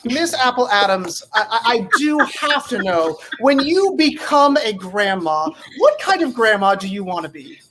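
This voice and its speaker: A woman hosting a live comedy game show, bubbly and animated, laughing often. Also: fairly high pitch, unhurried, hardly any pauses, noisy background.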